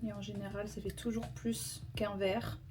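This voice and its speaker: A woman's voice: medium pitch, little pitch movement, moderate pace, loud music behind the voice. A young woman chatting casually to camera at home, self-deprecating and full of fillers as she vlogs her day. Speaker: vlogger. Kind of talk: casual vlog narration. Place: home apartment, indoors.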